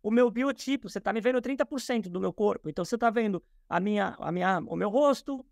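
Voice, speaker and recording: A man's voice: sits high, quick pace, vocal fry, a little mellow, dry recording, clean studio sound. A man from Brazil, a podcast guest, explaining ideas in a thoughtful way with many fillers and restarts, speaking from his office over a video call. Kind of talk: explanatory interview talk.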